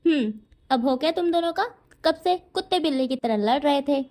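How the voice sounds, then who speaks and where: A woman voicing a calm young man who teases his two friends. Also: high-pitched, brisk. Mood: dry.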